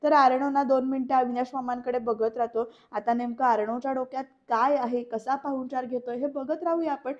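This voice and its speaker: A woman's voice: high-pitched, fairly even intonation, fairly quick, hardly any pauses, highs cut off. A woman narrating a dramatic recap of a TV serial episode, talking straight to viewers and acting out the characters' lines with emphasis.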